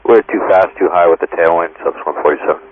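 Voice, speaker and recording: A man's voice: sits low, steady tone, quick pace. A man speaking as an airline pilot over a cockpit headset radio, making clipped, procedural calls. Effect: aircraft radio transmission. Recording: tinny narrowband cockpit radio, faint static.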